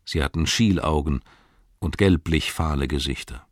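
A man reading a fantasy novel aloud as audiobook narrator, steady and even. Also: extremely low pitch, normal speed, dry recording, clean studio sound.

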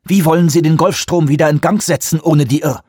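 A defiant male scientist, read by a male narrator, hurls heated accusations. The voice is husky and close, with a dry, roomless sound. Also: fairly high pitch, steady tone, a little fast, darkish tone, no room sound, voice pushed up. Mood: accusing.

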